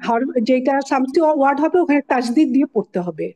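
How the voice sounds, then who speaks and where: Hesitant high-voiced woman student. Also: lively intonation, a little fast, mellow, lo-fi sound. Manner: hesitant, searching for words. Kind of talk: answering in an online class. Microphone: video call.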